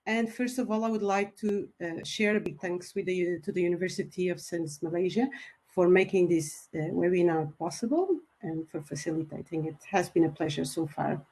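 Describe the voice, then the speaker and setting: A woman's voice: fairly low pitch, moderate pace, dark tone. A woman from Portugal giving a webinar presentation over a video call, polite and a little hesitant, with some fillers. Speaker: webinar speaker, company founder.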